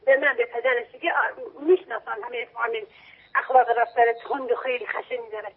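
A middle-aged woman from Kurdistan province, Iran, calls in to a radio show with a high voice. She speaks haltingly, with many fillers and restarts. Her voice comes through a tinny, narrow phone line. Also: fairly even intonation. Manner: hesitant, halting, full of fillers. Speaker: caller.

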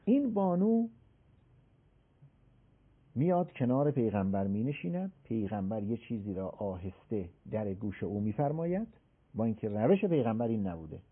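A man explaining a religious text in an interview, slowly reciting scripture and acting out the people he quotes. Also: on the low side, breathy edge. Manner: animated, acts out the people he quotes. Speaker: religious scholar explaining hadith. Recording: tinny phone-like sound.

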